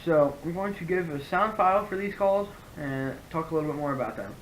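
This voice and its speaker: A man's voice: on the high side, expressive, a little fast, muffled recording, slight background noise. A man giving a casual, rambling product review, often correcting himself as he explains. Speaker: hunting gear reviewer.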